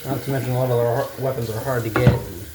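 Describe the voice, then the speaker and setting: Male gaming commentator, average pitch, unscripted and meandering, hesitant, casually sweary; noticeable hissing, water-like background noise. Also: steady tone, quick pace. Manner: casual, rambling, hesitant thinking aloud. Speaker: gaming video maker. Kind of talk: rambling unscripted game commentary.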